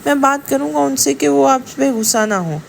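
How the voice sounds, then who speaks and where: Woman narrator doing a strict dad, short firm orders, high gravelly voice. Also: slight background noise. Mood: coaxing. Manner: firm, clipped commands. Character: stern middle-aged father, curt and guarded.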